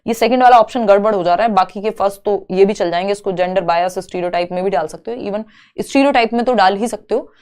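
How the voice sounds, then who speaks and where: A young woman teaching an exam-prep lecture. She reads each English question slowly, then explains it step by step, asking and answering her own questions. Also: medium pitch, a little mellow.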